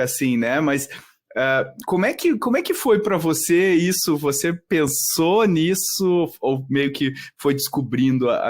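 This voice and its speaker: A man hosting a casual interview, asking questions with hesitant repeats. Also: mid-range voice. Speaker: host.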